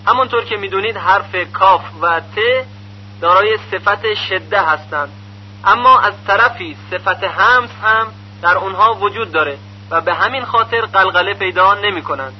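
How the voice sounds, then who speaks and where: Guy with a high voice giving a recitation lesson, patient and step by step, muffled lo-fi sound w/ faint hum. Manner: methodical, patient explaining. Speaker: Quran recitation teacher. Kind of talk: instructional lesson.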